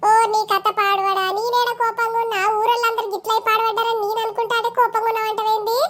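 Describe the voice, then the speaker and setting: A woman's voice: very high-pitched, flat delivery, a bit bright. A woman voicing a bossy village wife in a cartoon, scolding brusquely in a Telangana accent. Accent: Telangana Telugu. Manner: scolding, brusque, rapid-fire. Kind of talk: cartoon voice acting.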